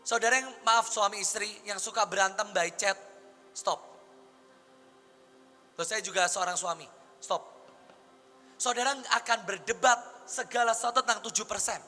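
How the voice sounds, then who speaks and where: A male pastor teaching a church audience in a lively, conversational preaching style, full of rhetorical questions. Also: high-pitched, normal speed, long pauses. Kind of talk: sermon teaching. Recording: long hall reverb with faint music.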